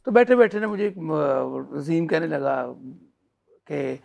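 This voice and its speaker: A qawwali singer, telling a chatty anecdote as a guest on a TV show. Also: male voice, a little high, expressive, slow, vocal fry, darkish tone. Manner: storytelling, chatty.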